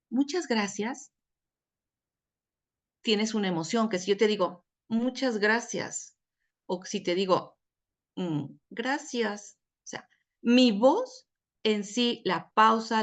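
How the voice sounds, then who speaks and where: Woman, middle pitch, expressive, teaching tone, talks to listeners directly. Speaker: book discussion co-host. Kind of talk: casual explanatory talk.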